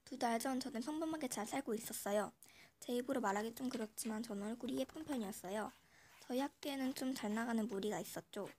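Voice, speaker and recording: A host reading a listener's story aloud in a radio-style show, voice altered by a voice changer, with steady, friendly reading. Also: medium pitch, fast, slight background noise.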